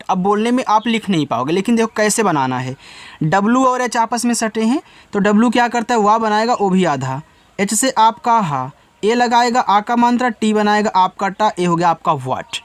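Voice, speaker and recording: A man giving a slow reading lesson, spelling each word letter by letter and repeating its meaning. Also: sits high, big pitch swings, no echo. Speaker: English tutor.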